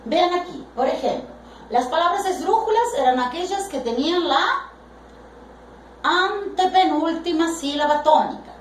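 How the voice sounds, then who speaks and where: Slow, lively high-voiced woman teaching. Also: a little hiss or hum. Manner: deliberate, drawn-out stresses on example words. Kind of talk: slow explanatory Spanish grammar lesson. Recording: echoey room, voice from a distance.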